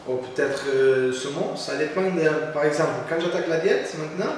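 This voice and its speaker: A man with a Portuguese accent answering casual interview questions in halting, non-fluent French with a foreign accent. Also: a little high. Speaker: interviewee, competitive physique athlete. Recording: echoey room, distant mic, faint noise.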